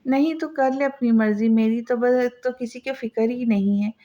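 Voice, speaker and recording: A woman's voice: fairly high pitch, fairly even intonation, moderate pace, lightly acted. Woman reading as a doting old grandmother. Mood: pleading. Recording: slightly dull lo-fi audio.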